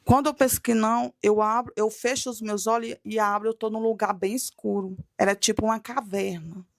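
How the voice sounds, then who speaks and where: A woman's voice: medium pitch, steady tone, brisk, gravelly, no echo, clean studio sound. A woman tells a dramatic religious testimony, acting out her own cries for mercy as she goes. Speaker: guest telling a testimony.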